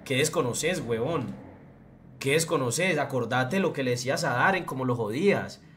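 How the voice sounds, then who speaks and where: A man's voice: medium pitch, expressive, normal speed, fairly bright tone, a little hiss or hum. A young man from Colombia with a Colombian accent from Antioquia, delivering a blunt, profane, fired-up rant as a streamer. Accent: Colombian Spanish, Antioquia. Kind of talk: heated livestream rant.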